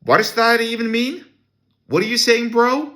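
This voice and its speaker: Very high-pitched, bright and forceful, this man's voice keeps a normal speed as he hosts a solo podcast. He has a Norwegian accent, and his opinionated rant is blunt and scornful, full of restarts.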